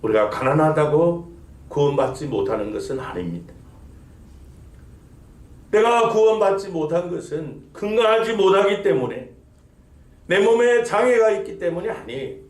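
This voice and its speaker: A man's voice: a little high, lively intonation, normal speed, long pauses. A male pastor preaching a sermon, building emphasis and asking the congregation rhetorical questions. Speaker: senior pastor. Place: church sanctuary. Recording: echoey church sanctuary.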